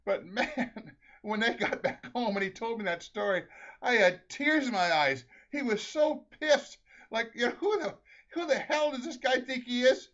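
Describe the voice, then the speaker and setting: A very high-pitched, animated voice with a fairly bright tone belongs to a middle-aged Minnesota storyteller moving at normal speed. His family anecdote rambles, full of frequent laughter and restarted sentences, captured on a dull lo-fi recording.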